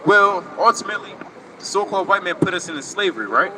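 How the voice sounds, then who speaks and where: Street preacher guy, lively highish voice, traffic noise behind him. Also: fast talker. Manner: emphatic, asks rhetorical questions. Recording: noisy street with passing traffic.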